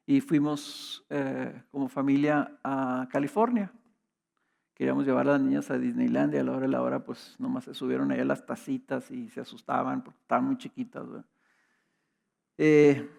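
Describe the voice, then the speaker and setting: A man's voice: medium pitch, gravelly, darkish tone. A middle-aged man preaching a sermon, telling personal stories in a conversational way with rhetorical questions. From Mexico. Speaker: pastor.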